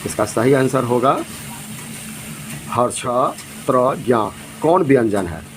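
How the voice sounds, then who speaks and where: A man leads a quiz lesson, reading out each question and its options at an unhurried, deliberate pace, then giving the answer. His voice sits at a middling pitch. A faint background noise runs under the recording. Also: animated, low-quality recording. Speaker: teacher.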